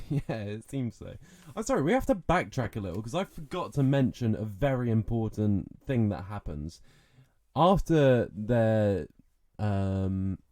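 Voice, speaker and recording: A man co-hosting a casual podcast, retelling a film's scenes with disbelief. His pitch leaps around, and his voice sounds dark and mellow. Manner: animated, incredulous retelling of movie scenes. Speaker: podcast co-host. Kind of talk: casual film review chat.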